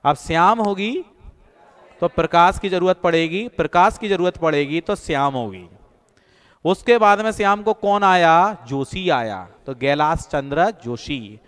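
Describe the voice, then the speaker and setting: A man's voice: on the high side, lively intonation, unhurried, fairly bright tone, smooth. A male coaching teacher giving an online exam-prep lesson, using stories and repetitive memory drills. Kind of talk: online class lecture. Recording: echoey room with long reverb.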